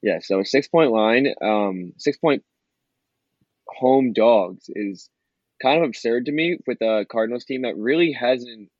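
A man co-hosting a casual sports betting talk show, speaking in halting bursts full of restarts. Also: medium pitch, no echo. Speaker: podcast co-host. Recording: dull lo-fi remote line.

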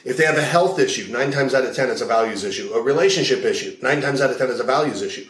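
A man with a mid-range, slightly bright voice speaks in an animated, racing way, and the low-quality recording is reverberant. He is a hypnotist and values coach being interviewed as a guest, explaining ideas through long stories and repeating key phrases in a casual, anecdote-filled conversation.

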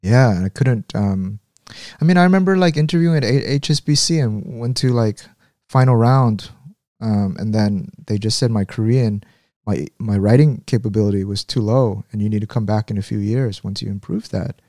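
A man who grew up in the U.S. shares his story openly as an interview guest, often breaking off and restarting sentences. His voice is lowish and mellow, his pace moderate, and the recording is dry and studio quality.

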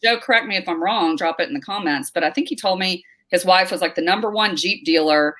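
A middle-aged woman from North Carolina, guesting on a casual interview, talks briskly in a fairly low voice. She tells her stories with energy, stumbling into many fillers and restarts.

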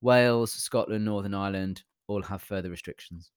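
A man's voice: lowish voice, normal speed, clean tone. A British man co-hosting a podcast in casual, wry banter, often starting his sentences over. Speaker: podcast co-host. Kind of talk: casual chat.

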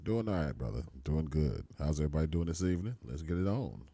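A man co-hosting a late-night show in a relaxed talking style. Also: rumbling low, fast. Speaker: podcast co-host.

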